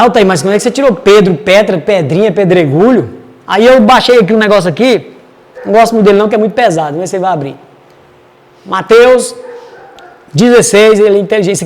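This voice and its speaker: A man's voice: sits high, in a large hall. A man teaching a casual Bible study, chatty and digressive as he reads verses aloud.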